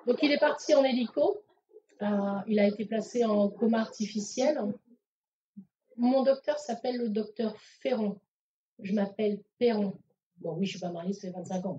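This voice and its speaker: A woman giving a public talk as a medium, telling a personal story in a chatty, animated way with many fillers and acted-out dialogue. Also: fairly high pitch. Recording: dull lo-fi audio recording.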